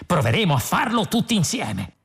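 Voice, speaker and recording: A reckless, overconfident space adventurer who blusters and shouts with glee, voiced by a man reading the story. The voice is pushed well above the reader's own and stays rough and husky. Faint music runs underneath. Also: high voice, big pitch swings, moderate pace, voice pushed up, full character voice. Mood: excited bluster.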